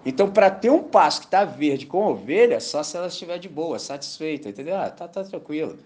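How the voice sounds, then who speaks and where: Chatty Brazilian pastor preaching. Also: male voice, fairly high pitch, brisk. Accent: Brazilian Portuguese. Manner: conversational, keeps asking "entendeu?"; slangy and animated. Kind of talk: sermon. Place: church service.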